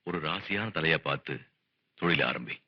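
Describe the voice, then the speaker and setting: A deep-voiced stern landlord. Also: male voice, slightly rough. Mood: brooding. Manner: slow, authoritative. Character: stern rich village landlord, middle-aged, commanding. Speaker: village landlord. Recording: dull old film soundtrack with music.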